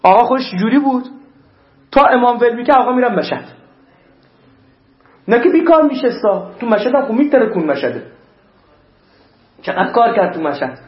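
High-voiced preacher in a roomy hall. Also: male voice, long pauses. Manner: animated preaching, interleaving recited Arabic verses. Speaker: cleric. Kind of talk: sermon. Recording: roomy, dull lo-fi recording.

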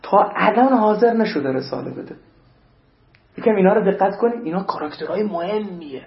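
Male cleric, high-pitched, animated sermon delivery; roomy, muffled lo-fi sound. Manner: animated preaching, interleaving recited Arabic verses. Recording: roomy, dull lo-fi recording.

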